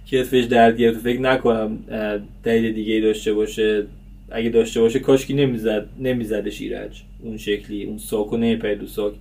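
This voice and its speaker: A man's voice: mid-range voice, vocal fry, darkish tone. A man chats through a casual episode review for his vlog. He rambles with lots of fillers, and his voice sits a little distant from the microphone. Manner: chatty, many fillers. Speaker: series reviewer host.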